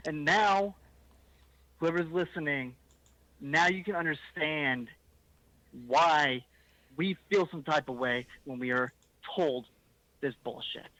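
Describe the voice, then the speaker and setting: A man's voice: fairly high pitch, slow, pauses often, bright, forceful tone, no echo, low-quality recording. A young man hosting a podcast, ranting heatedly with swearing and emphatic bursts. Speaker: podcast host. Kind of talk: impassioned podcast rant.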